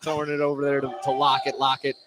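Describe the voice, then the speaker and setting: With a mid-range voice and completely flat delivery, an American man gives quick-paced live radio play-by-play of a basketball game. The setting is an indoor sports gym. Loud gym noise and game ambience sit behind him.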